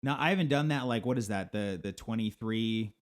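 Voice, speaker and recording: A man co-hosting a comedy podcast, chatting casually and often chiming in with quick agreement. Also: on the low side. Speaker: podcast co-host.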